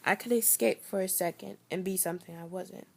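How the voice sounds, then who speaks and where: A young woman telling a performed personal story with wry humor, swinging between loud bursts and near whispers. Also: medium pitch, brisk, creaky.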